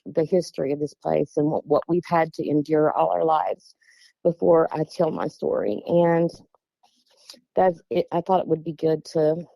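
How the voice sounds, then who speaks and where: A middle-aged woman from West Virginia, USA, with an Appalachian accent casually tells a personal story in a plain-spoken, meandering way. Her voice is low and gravelly. The recording is dull and lo-fi, with a dry, close sound.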